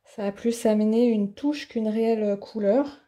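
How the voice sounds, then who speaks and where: A woman's voice: mid-range voice, steady tone, moderate pace, mellow. A woman hosting an art tutorial in her home office, chatting casually and thinking aloud with plenty of fillers as she demonstrates.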